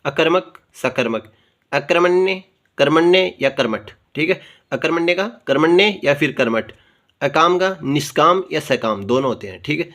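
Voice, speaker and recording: Teaching a Hindi grammar lesson, this man speaks in a voice on the high side, a bit bright, with lively intonation. He explains patiently, says "theek hai" after almost every point, and repeats words slowly to drill them along with their correct spellings.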